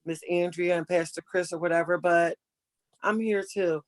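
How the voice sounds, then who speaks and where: An older woman in casual conversation, giving earnest, motherly advice and slowing down to stress her points. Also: on the low side, steady tone, no echo. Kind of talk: casual chat.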